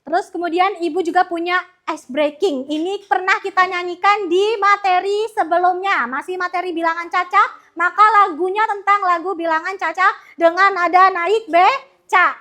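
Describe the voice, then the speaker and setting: Very high-voiced bright young woman teacher. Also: fairly even intonation, moderate pace. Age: young adult. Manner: upbeat, coaxing, calls pupils forward. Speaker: student teacher. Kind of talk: classroom teaching. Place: primary school classroom.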